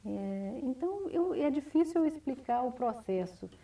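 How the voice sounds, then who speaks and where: Gravelly-voiced woman writer, reflective. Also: sits high, lively intonation, mellow. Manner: measured, reflective, with frequent restarts and "né?". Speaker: writer being interviewed. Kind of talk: thoughtful interview answers. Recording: distant mic, 1990s TV studio recording.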